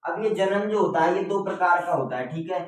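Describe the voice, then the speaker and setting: A man teaches a biology lesson in a classroom-style lecture, repeating his points, checking in with "theek hai?" and addressing students as "beta." His voice sits high and his pace is brisk. The recording has slight background noise, with the mic far off in a very echoey room.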